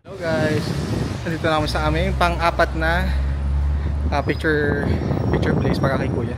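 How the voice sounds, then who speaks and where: A man's voice: a little high, little pitch movement, normal speed, very noisy. A man with a Filipino accent chatting casually as a vlogger. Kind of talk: casual vlog chat.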